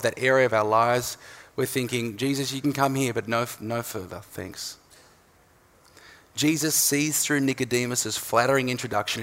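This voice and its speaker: A man's voice: medium pitch, a bit bright. A man in his thirties preaching a sermon in a conversational way, often checking in with the listeners. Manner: conversational, often asks "right?". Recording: long hall reverb.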